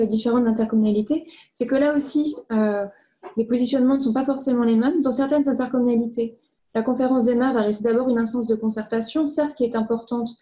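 A woman formally presents findings, explaining them methodically, point by point, in a fairly high voice that is very soft-edged and mellow.

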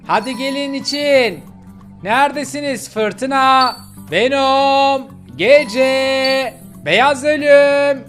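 A man's voice: very high-pitched, a bit bright, voice pushed up, full character voice. A man voicing a caring, motherly woman in a game role-play, coaxing and scolding the puppies. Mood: calling.

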